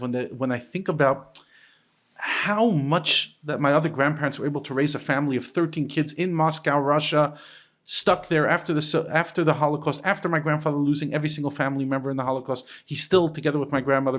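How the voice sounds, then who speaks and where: Animated rabbi talking on a podcast. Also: male voice. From United States. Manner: animated, lifts his pitch sharply when quoting others; frequent restarts and repeated words. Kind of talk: casual podcast conversation.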